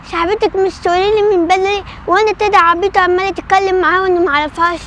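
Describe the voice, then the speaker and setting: A woman's voice: extremely high pitch, steady tone, very fast, fairly bright tone, a little hiss or hum. A woman with an Egyptian Arabic accent voicing a sulky, childlike daughter who pleads in simple words.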